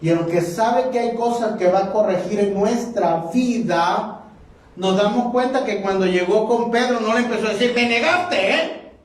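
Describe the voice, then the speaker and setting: A man's voice: high-pitched, moderate pace, a little mellow. A man preaching an impassioned sermon, acting out the voices of the people in his story. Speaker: pastor. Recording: echoey hall, mic at a distance.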